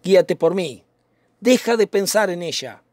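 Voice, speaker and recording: A man's voice: sits high, animated, a little slow, a little mellow, no echo, studio quality, voice pushed up. A man reading as Benvolio, earnest young cousin. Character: young male cousin, calm and concerned. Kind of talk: dramatic reading of a play.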